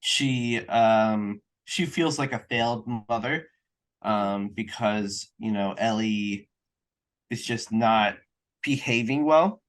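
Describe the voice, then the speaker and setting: A young man with a low voice co-hosts a casual film podcast. He talks in a measured way, pausing on "um" as he builds his point. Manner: brief agreeing interjections, then measured with "um" pauses. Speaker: podcast co-host.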